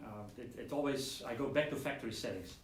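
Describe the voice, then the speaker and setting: A man with a mid-range voice and brisk delivery hosts a weekly model-kit live stream, talking loosely with plenty of fillers and restarts. The audio carries room echo and a faint hum, with the speaker set back from the mic.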